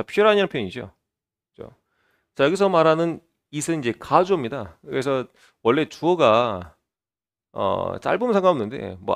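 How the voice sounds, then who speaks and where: A man teaching an online exam prep lecture, explaining step by step and opening his lines with a drawn-out filler. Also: mid-range voice, gravelly.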